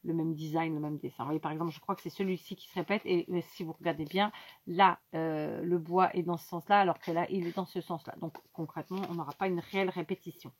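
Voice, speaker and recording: A woman's voice: fairly low pitch, fairly even intonation, fast talker, slightly rough. A woman hosting a casual craft tutorial, explaining each step to her viewers with many fillers and asides. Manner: talks directly to viewers.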